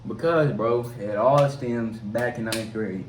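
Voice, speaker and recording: A man's voice: mid-range voice, takes it slowly, distant mic. Young guy rambling with lots of likes, roomy echo and a bit of hiss. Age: young adult. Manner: hesitant, full of likes, rambling. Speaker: guest co-host. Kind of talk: casual chat. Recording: echoey room, off-mic, faint hiss.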